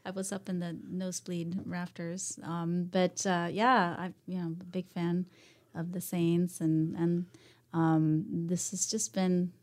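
Swedish-born woman chatting warmly. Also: on the low side, little pitch movement, takes it slowly. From Sweden. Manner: laughs easily, many fillers. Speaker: puppetry company co-founder, former musician. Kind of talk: casual podcast interview.

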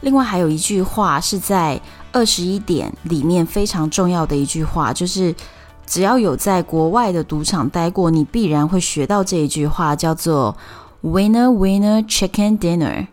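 A woman podcast host with a Taiwanese Mandarin accent tells a story in a relaxed, chatty way. Her voice sits a little low, and she explains each point patiently, stretching out her sentence particles. Soft music plays faintly underneath. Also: moderate pace.

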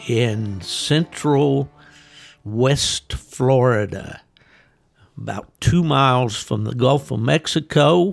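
An older American man from West Virginia chats casually as a podcast host, rambling and folksy with a gravelly voice. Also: mid-range voice, dry recording, studio quality. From West Virginia, United States. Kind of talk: casual chat, reminiscing. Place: at home in a hot room he calls a sauna, fan and ice bucket.

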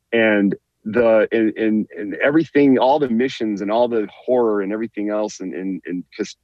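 Man, low voice, rambling storyteller, restarts a lot, muffled dry lo-fi sound. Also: dry recording. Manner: rambling, repeats words and restarts often. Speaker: guest, veteran author. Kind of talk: storytelling in an interview.

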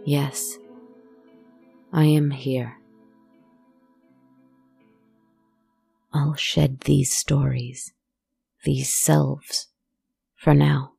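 Horror podcast creature, female performer as a weary shapeshifter, husky and very creaky, brooding, slow, flat pitch. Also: full character voice. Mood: calm relief. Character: weary shapeshifting forest creature shedding its former selves. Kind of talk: scripted horror storytelling monologue.

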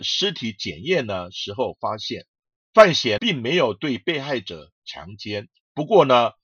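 A man's voice: medium pitch, fairly bright tone, slightly rough, dry recording, muffled recording. A man narrating true crime in short, emphatic phrases.

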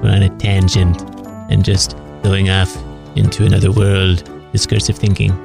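A gravelly, deadpan male host introducing an improv comedy podcast. His low voice stays almost flat throughout. Guitar music plays behind him. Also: moderate pace. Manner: deadpan, gruff.

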